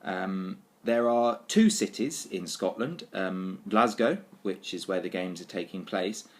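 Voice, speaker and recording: A man presenting a mock travel report in a deadpan, mock-serious manner, outdoors in city streets. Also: low voice, a little slow. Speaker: comic presenter.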